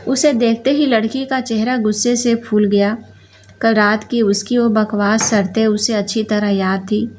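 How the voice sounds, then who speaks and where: A woman reading a romantic story aloud in a steady, even scripted narration. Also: a little high, a little slow. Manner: steady, even reading that voices both characters.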